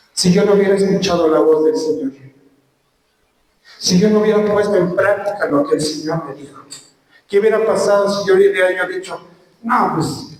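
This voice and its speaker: A man with a Mexican Spanish accent preaching a sermon and telling a personal testimony, slow and emphatic. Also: high-pitched, darkish tone, a little hiss or hum. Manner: earnest storytelling, slow emphatic phrases. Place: church hall. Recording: very echoey hall, from far off.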